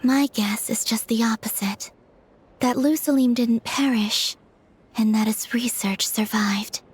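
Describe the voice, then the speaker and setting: A woman plays a young video game investigator who is calm, perceptive and gently kind, speaking in a measured, thoughtful, soft-spoken manner. Her voice is fairly high with a breathy edge, and the mood is thoughtful and analytical.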